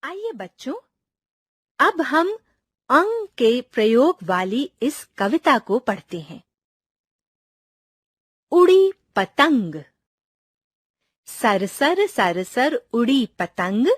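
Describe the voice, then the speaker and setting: Woman reading a kids poem, bouncy pitch, super slow, dry close sound. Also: big pitch swings, slightly rough, dry recording. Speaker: reader of a children's poem and story. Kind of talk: expressive recitation for children.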